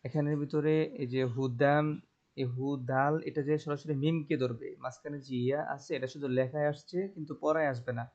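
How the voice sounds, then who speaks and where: A male Quran teacher giving an online tajweed lesson, alternating slow, drawn-out melodic recitation with quick plain explanations. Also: on the high side, fairly even intonation, a little mellow, lo-fi sound.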